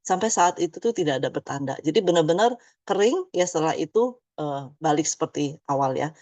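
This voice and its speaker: A woman's voice: low-pitched, expressive, brisk, a little mellow, no room sound. A woman in her fifties giving a chatty motivational presentation, tagging many phrases with "ya". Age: 50s. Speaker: business presenter.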